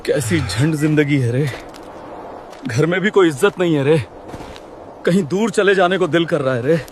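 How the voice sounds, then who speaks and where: A man's voice: on the high side, normal speed, a little hiss or hum, lightly acted. A man voicing a naive, hapless young village man in a comic cartoon, with a whiny drawl. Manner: whiny drawl ending lines with "re". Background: music.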